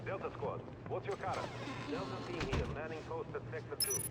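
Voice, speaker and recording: A patrolling security guard in a video game, heard over a two-way radio. He trades clipped reports and check-ins in a slightly raised voice. The radio sounds far off under loud background noise. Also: fairly high pitch, fairly quick. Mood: routine. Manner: clipped radio call-and-response.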